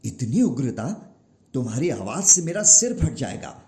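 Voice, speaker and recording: A weary old creator god, as a male storyteller voices him, pleading and exasperated, his lines sliding up and down with feeling. He speaks unhurriedly and a little lower than the narration. The room gives the voice a noticeable echo. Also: big pitch swings, measured pace, warm tone.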